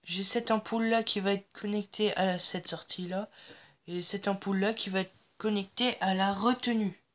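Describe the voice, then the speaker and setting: A woman's voice: mid-range voice, steady tone, normal speed. A woman hosting a screen-recorded logic tutorial, hesitant, full of fillers and self-corrections. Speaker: tutorial host.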